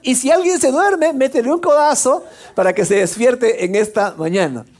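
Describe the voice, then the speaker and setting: A middle-aged man preaching a sermon, full of rhetorical questions and emphatic pauses. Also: extremely high pitch, darkish tone. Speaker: pastor.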